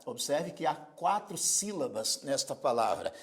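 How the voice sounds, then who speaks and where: Lively didactic male grammar teacher. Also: a little high, a little slow. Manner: didactic, spells out words syllable by syllable; addresses students directly with repeated prompts to observe. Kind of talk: recorded video lesson.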